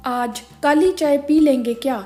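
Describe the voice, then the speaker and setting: A woman voicing a busy, harried young mother and wife in a spoken story, hurried and tired. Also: high voice, fairly even intonation, darkish tone, soft background music.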